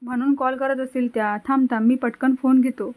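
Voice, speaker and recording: A woman's voice: high voice, steady tone, brisk, a little mellow, lightly acted. A woman voicing a loyal young man, reading his lines plainly. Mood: concerned.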